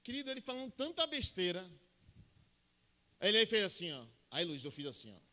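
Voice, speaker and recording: A man with a Brazilian Portuguese accent preaching a sermon as pastor, emphatic, swinging from loud high bursts to low intimate asides while he tells stories. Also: very animated, brisk, big-room sound. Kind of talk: Pentecostal-style sermon with storytelling.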